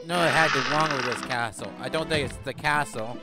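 A man giving halting let's play commentary on a video game, repeating himself and trailing off. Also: mid-range voice, over loud music. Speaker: gamer.

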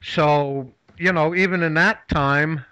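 A man's voice: fairly high pitch, fairly even intonation, takes it slowly, sharp tone, clear, resonant tone, dry recording, muffled recording. A man hosting a casual talk show, rambling through facts with many fillers and restarts. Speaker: host.

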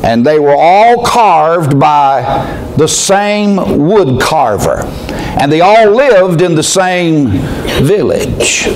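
A man's voice: fairly high pitch, sing-song, extremely slow. Older man, folksy sermon, echoey church sound, faint room hiss. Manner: folksy storytelling, frequent "uh" restarts. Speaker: pastor. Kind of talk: prayer and sermon. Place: small church sanctuary. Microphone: pulpit mic.

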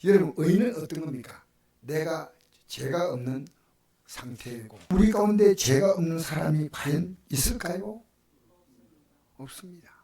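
An older man with a Gyeongsang Korean accent preaching a sermon as pastor, swinging from loud exclamations to hushed whispers. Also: on the high side, animated, moderate pace, roomy sound. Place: church sanctuary.

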